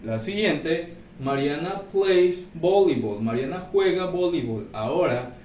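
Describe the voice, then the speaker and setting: A man teaches a recorded lesson, slow and patient, checking in. His somewhat high voice comes from a distance in an echoey room a faint hiss behind it. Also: a little mellow. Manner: explains step by step, checks in with "¿sí?". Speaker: English teacher. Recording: roomy, distant mic, faint background noise.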